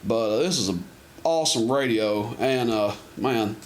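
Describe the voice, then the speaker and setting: At a measured pace and in a mid-range voice, a man shows off the CB radios he sells, chatting loosely and unscripted in a folksy style. Noise and clicks come through on the amateur camera audio.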